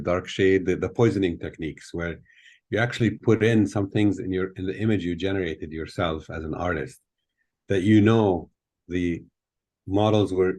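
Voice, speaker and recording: Older male guest speaker, very low voice, explains thoughtfully, fillers, laptop mic in a hotel room. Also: darkish tone. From Tunisia. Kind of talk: video call Q&A. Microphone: laptop webcam on video call.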